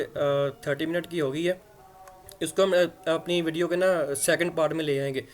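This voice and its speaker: A man teaching English grammar in a conversational way, spelling words out letter by letter and often checking that listeners follow. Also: a little high. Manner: conversational, checks understanding with repeated "theek hai". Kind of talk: explanatory lesson in Hindi-Urdu.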